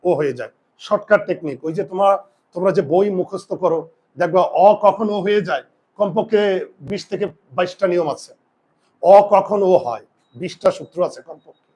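A male grammar teacher giving a classroom lesson, asking his students questions and answering them himself, sometimes dropping to a low quiet voice for asides. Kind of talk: classroom lesson explaining pronunciation.

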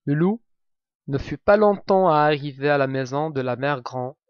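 A man, a reading teacher, narrating a fairy tale aloud slowly and with careful articulation for learners. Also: a little high, animated, clean tone, dry recording, lo-fi sound.

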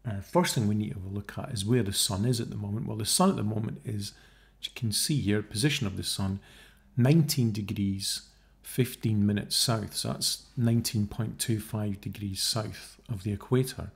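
A man's voice: fairly low pitch, normal speed, gravelly, hardly any pauses. A man narrating his own screen-share video, working through figures and mocking the idea he debunks. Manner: scornful, mocking asides, thinking aloud. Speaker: video creator debunking a theory. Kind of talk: casual screen-share commentary.

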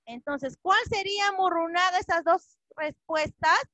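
A woman's voice: extremely high pitch, measured pace, sharp tone, no room sound, dull audio. A woman teaching English to children, patiently repeating each phrase and translating it. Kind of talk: classroom lesson for children.

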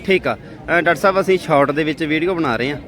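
A man's voice: a little high, fast talker, fairly bright tone. A man with a Punjabi accent hosting a casual on-the-spot vlog, chatting familiarly with farmers and commenting as he goes. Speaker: livestock show video host interviewing farmers. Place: outdoors at a livestock fair. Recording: outdoor event, crowd and street noise behind.

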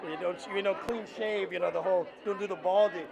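A man hosting a red carpet interview outdoors at a film festival, upbeat, flattering and joking. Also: high-pitched, quick pace, gravelly. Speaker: host. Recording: crowd and music outdoors.

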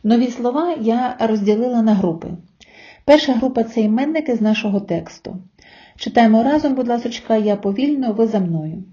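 A woman teacher talks learners through a recorded language lesson, slow and patient, pausing so they can repeat after her. Her voice sits a little high with a mellow, soft-edged tone. The recording is dull and lo-fi. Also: expressive. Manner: slow, patient explaining with pauses for repetition. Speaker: Spanish teacher.

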